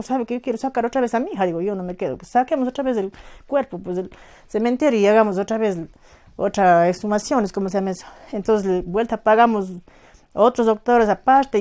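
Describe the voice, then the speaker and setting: A middle-aged woman with a southern Andean Ecuadorian accent, giving personal testimony as a victim's mother, halting and emotional, full of reported speech. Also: fairly high pitch, darkish tone. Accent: southern Andean Ecuadorian Spanish, Azuay.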